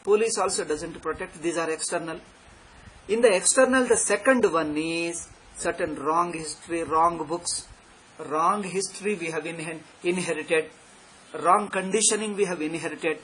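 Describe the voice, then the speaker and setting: A man gives an extempore spiritual discourse, speaking emphatically and restating key phrases like a teacher. His fairly high voice has a fairly bright tone and a moderate pace, and the live recording is clearly noisy in the background.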